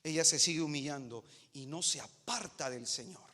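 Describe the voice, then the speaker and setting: A man's voice: a little high, moderate pace, sharp tone, in a large hall. A male preacher delivering an emphatic, dramatic sermon full of rhetorical questions.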